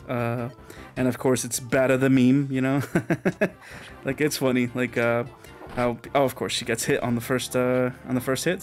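A man with an ordinary mid-range voice chats his way through a game as the host of a let's play. He rambles, restarts sentences and laughs at his own remarks. Soft game music plays quietly underneath. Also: medium pitch. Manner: rambling, filler-heavy, laughs often. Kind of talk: casual gameplay commentary.

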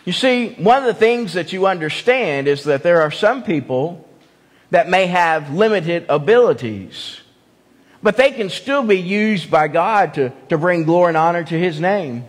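A man's voice: high-pitched, lively intonation, unhurried. A man preaching an evening sermon, emphatic, repeating key phrases and putting questions to the congregation. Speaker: pastor. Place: church sanctuary. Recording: long church reverb.

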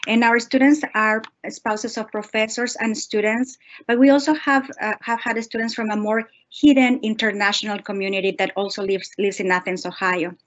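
A woman's voice: mid-range voice, fairly even intonation, moderate pace. A woman from Mexico, carefully introducing herself as a linguistics instructor on a panel over a video call. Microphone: video call webcam. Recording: muffled video-call audio.

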